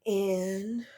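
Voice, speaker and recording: A woman with a dark-toned, mid-range voice vlogs casually to camera. A cold has left her stuffy and nasal, and she rambles with lots of fillers and restarts.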